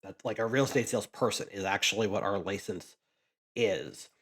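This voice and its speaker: A card-collecting vlogger from Pennsylvania, US, chats casually while sorting trading cards for his channel, rambling and restarting often. His voice sits on the low side, fairly bright with a breathy edge, at a moderate pace.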